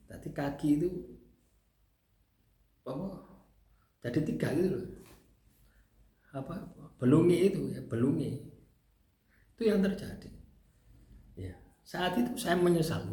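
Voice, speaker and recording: A man's voice: fairly high pitch, warm tone, reverberant. A man with a Javanese accent recounting his own experiences in casual spoken testimony, habitually tagging his sentences with little checking phrases. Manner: conversational, tags phrases with "gitu loh, ya". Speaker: speaker sharing personal experience.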